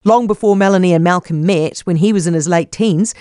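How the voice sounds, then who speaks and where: A woman's voice: fairly low pitch, mellow, dry recording, clean studio sound. New woman narrating a business story. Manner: measured, storytelling delivery. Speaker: radio business show host. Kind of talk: scripted podcast narration. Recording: faint music bed behind voice.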